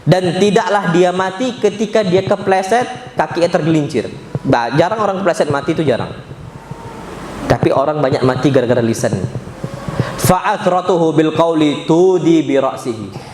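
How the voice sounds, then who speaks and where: A man with an Indonesian accent delivers a sermon, his voice sitting high and bright for a man. He talks with animation, throws rhetorical questions at the listeners and mixes in Arabic phrases. The sound rings through a large, echoey mosque hall with faint ambience underneath. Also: moderate pace, slight background noise. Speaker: preacher. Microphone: handheld or stand mic in a hall.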